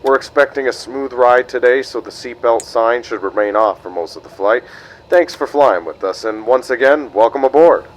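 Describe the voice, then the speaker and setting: A man's voice: medium pitch, normal speed, low-quality recording. A man speaking as an airline captain, giving a formal, courteous welcome announcement to passengers.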